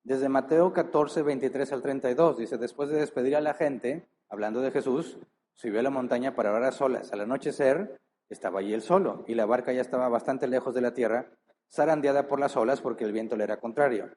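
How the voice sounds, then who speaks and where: A male pastor preaches a sermon, reading scripture aloud before pressing listeners with many rhetorical questions and earnestly drawing out key words for emphasis. His voice is medium-pitched and a little mellow, with a slight hiss or hum in the recording.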